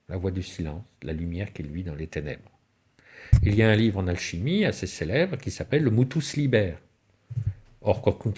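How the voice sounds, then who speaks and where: The man's voice is fairly low and darkish with a breathy edge. As a lecturer on alchemy and symbolism, he delivers a spiritual talk full of stories and rhetorical questions, his voice abruptly climbing and dropping.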